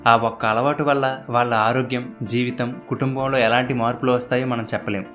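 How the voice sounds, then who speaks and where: A man narrates a scripted voice-over in a plain, advisory tone at a middling pitch. Soft guitar music plays faintly beneath his voice. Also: flat delivery, a little fast.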